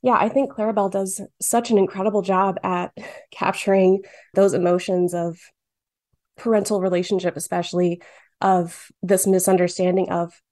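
Speaking at a moderate pace with a level tone, the guest cartoonist, a Michiganer in their late twenties, gives chatty, filler-heavy interview answers and laughs a lot. Their medium-pitched voice is a little mellow, captured with studio quality and no room sound.

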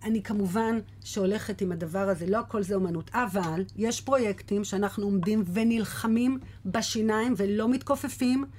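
A woman's voice: mid-range voice, darkish tone, slight background noise. A woman with an Israeli accent speaking conversationally as an interview guest, often repeating words for emphasis. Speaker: casting director interviewed as guest.

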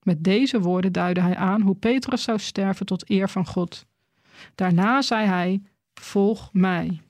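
A woman preacher giving a sermon, first reading a scripture passage in a measured, deliberate way and then speaking to her listeners. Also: medium pitch, darkish tone, no echo.

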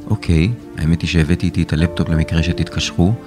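A man voicing a brisk, matter-of-fact young tech helper in a serialized children's story. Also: low voice, flat delivery, music in the background, close to an everyday voice. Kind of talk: storybook character reading.

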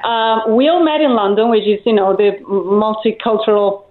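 A woman's voice: mid-range voice, fairly even intonation, normal speed, roomy sound, phone-quality sound. A woman from Italy, a band leader on the line from London, chatting in a hesitant way with frequent laughs. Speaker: band leader, guest on phone. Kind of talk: casual interview chat. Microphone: phone line.

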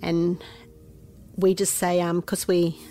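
A middle-aged Australian woman, a mother speaking about her missing teenage son in an interview, soft and halting, sometimes dropping to a near whisper. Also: fairly low pitch, monotone, slight background noise. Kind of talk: emotional interview testimony.

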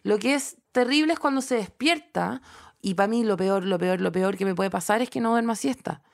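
A Chilean woman in her thirties co-hosting a casual chat, telling stories in an animated, laughing way. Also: medium pitch, moderate pace, gravelly. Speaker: podcast co-host.

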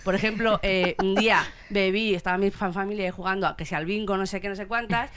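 Woman, 30s, Spain Spanish accent, guest storyteller, animated, acts out quotes, mid-range pitch. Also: fast, noisy background. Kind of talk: casual comedic chat.

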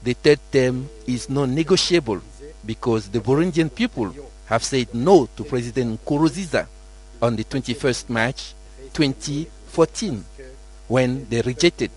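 Man, live interpreter voice, simultaneous interpretation, medium pitch, deliberate. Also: animated, poor audio. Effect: live interpreter voice, speaking over a press statement.

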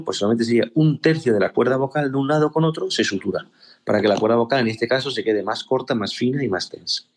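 A man who is an ear, nose and throat surgeon gives explanatory interview answers in a medium-pitched voice. He explains patiently and didactically, taking things step by step.

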